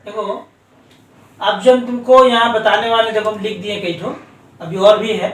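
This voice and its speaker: A man teaches English grammar in a very high-pitched voice. He quizzes his students as he goes and spells words out letter by letter. The sound is roomy and a little distant, as if recorded from across a classroom. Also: fairly even intonation, fairly bright tone. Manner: keeps asking students rhetorical questions, spells letters out slowly. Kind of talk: classroom lesson explaining spelling rules. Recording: echoey room, voice from a distance.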